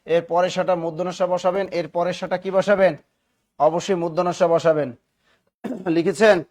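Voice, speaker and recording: A Bangladeshi man teaching a spelling class, dictating rules and repeating questions and answers for students to write down, now and then clearing his throat. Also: sits high, steady tone, normal speed, a little mellow. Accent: Bangladeshi Bengali. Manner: repetitive, drilling, asks and answers his own questions.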